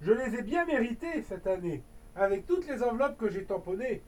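A man's voice: very high-pitched, lively intonation, normal speed, recorded from a distance. A man voicing a grumpy, tired female octopus on holiday in a children's story, grouchy at being disturbed. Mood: pleased. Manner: grouchy, easily softened.

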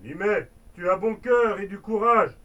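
A woman voicing a stern dragon king in a children's story, slow and commanding. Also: medium pitch, expressive, a bit bright, far from the mic, lo-fi sound. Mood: solemn.

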